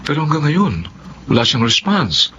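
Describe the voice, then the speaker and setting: An actor playing a casual, gossipy former classmate in a radio drama. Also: male voice, on the high side, lively intonation, moderate pace, sharp tone, dull audio, a little hiss or hum.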